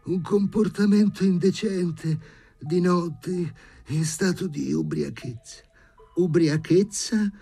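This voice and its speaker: A man doing a hoarse, whiny former stray dog. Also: slow pace, mellow, faint music behind, full character voice. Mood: frightened, pleading. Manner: whiny, timid, high and strained. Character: crude uncouth man made from a stray dog.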